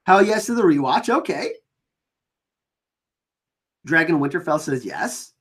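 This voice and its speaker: A livestream host with a French Canadian accent and a very animated, up-and-down pitch. The delivery is casual and informal, halting and doubling back on words while answering chat comments.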